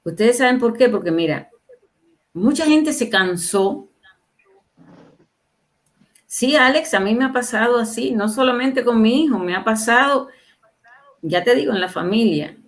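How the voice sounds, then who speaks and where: A woman's voice: fairly high pitch, expressive, unhurried, long pauses. A woman in her sixties, a guest on a livestream interview, talking in a casual, opinionated way and asking her listeners rhetorical questions. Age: 60s. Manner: emphatic, asks the audience rhetorical questions.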